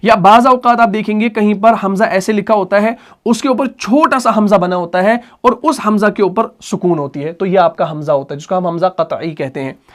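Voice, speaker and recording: A man with a high, light voice teaching the rules of Quran recitation. He asks his own questions and answers them. He breaks off to sound out single letters and to recite verses slowly. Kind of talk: tajweed lesson.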